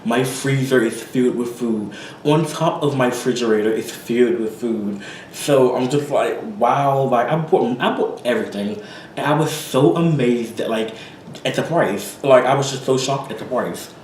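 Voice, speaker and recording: Young male vlogger, worn out and rambling, mid-pitch, roomy far-off sound with faint hiss. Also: moderate pace, darkish tone. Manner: rambling, apologetic, many fillers. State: tired, full from eating. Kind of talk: casual chat to camera.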